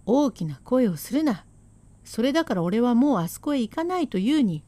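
A woman voicing a swaggering Edo shopkeeper husband who talks in rough slang, blustering and then hushing his wife, in rakugo storytelling. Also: a little high, very animated, moderate pace, no room sound.

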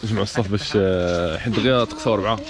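A young man with a Moroccan accent hosting a challenge game, urging the players on with rapid repeated calls and frequent laughter. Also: on the low side. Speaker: host running a challenge game. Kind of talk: energetic game commentary.

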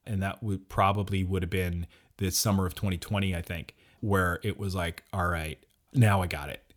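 A man's voice: low-pitched, steady tone, normal speed. A man co-hosting a podcast, talking casually and reflectively, rambling a little with restarts. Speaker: podcast co-host. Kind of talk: casual chat.

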